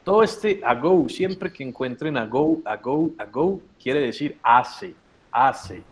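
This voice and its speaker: Slow-speaking male English teacher. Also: medium pitch, expressive. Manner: slow, patient, mixes English and Spanish. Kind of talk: online class, bilingual teaching. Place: video conference.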